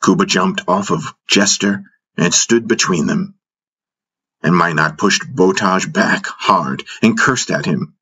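A man narrating a fantasy audiobook in first person, steady and measured. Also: sits low, husky.

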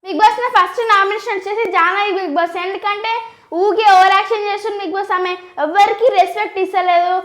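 A child who rapidly accuses the others in a playful staged reality-show skit. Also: very high-pitched, fairly even intonation, fairly bright tone, roomy sound. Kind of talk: playful argument.

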